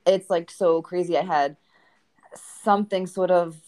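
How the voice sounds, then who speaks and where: Her voice sits fairly low and moves a little slowly, carrying a Boston accent. As a podcast's guest author, she recounts dating tales like an animated storyteller, voicing the lines the people in them said.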